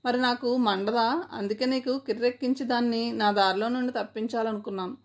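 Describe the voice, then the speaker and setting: A woman's voice: on the high side, steady tone, brisk, natural voice. Woman playing a jealous, spiteful young woman. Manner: spiteful, vehement.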